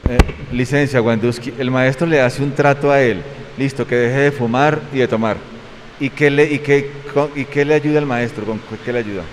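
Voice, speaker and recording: A man's voice: medium pitch, fairly even intonation, normal speed, in a large hall, a little hiss or hum, poor audio. A man asking short, respectful interview questions. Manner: brief, respectful prompts.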